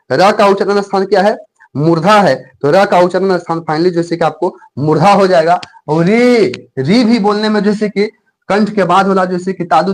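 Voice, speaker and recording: A man teaching Hindi grammar in an exam-prep lesson. He repeats each point, quizzes the viewers, draws out letter sounds in drills and keeps calling them his friends. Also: high-pitched. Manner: repetitive, quizzes viewers, frequent filler phrases and "my friend".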